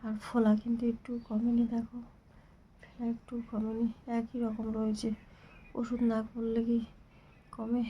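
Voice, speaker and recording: A woman with a sore, hoarse throat talking softly and half-whispering in a casual home vlog. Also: a little high, completely flat delivery, normal speed, pauses often, a little hiss or hum. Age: adult with a daughter. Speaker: vlogger.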